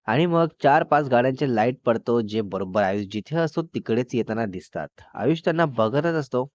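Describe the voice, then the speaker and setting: A man's voice: mid-range voice, lively intonation, normal speed, no echo. Man, story narrator, plain recounting, English phrases mixed in, dry sound, slightly muffled. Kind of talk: narrating a romance audio story.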